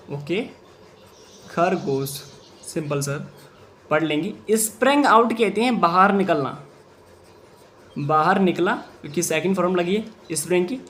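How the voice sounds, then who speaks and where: A man with a fairly high voice teaches English reading in Hindi. He goes through each sentence word by word, reading the English very slowly. He often answers his own questions on the students' behalf. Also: a bit bright.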